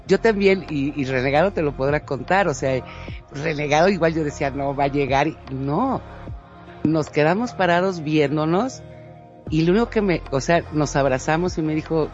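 Animated woman, dull lo-fi audio. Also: sits low, moderate pace. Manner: animated, laughs often, acts out quoted lines. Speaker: guest sharing a story. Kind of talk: casual chat. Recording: slightly dull lo-fi audio, faint music.

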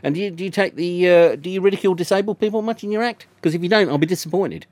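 A man's voice: high voice, very fast, darkish tone, no echo. A man hosting a radio interview show, chatty and teasing, laughing easily with guests. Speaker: radio host. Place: radio studio.

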